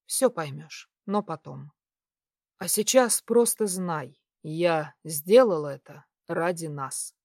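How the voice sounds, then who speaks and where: A woman voicing a tender, possessive male werewolf lover in an audiobook, low and hushed. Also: lively intonation, slow, dry recording, clean studio sound, heavily acted. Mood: soothing. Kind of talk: audiobook character reading.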